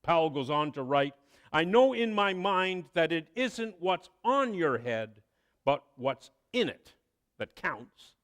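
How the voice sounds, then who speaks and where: A man preaching a sermon, telling a story with expressive delivery and dramatic pauses. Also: on the high side. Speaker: pastor.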